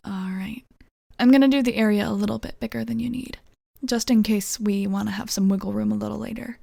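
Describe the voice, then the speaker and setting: Woman playing flirty tattoo artist, ASMR role-play, creaky voice. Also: mid-range voice, fairly even intonation, fairly quick, no echo, studio quality. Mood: soothing, reassuring. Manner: soft-spoken, casual, gently teasing, slightly bashful. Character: flirty, easygoing, reassuring female tattoo artist.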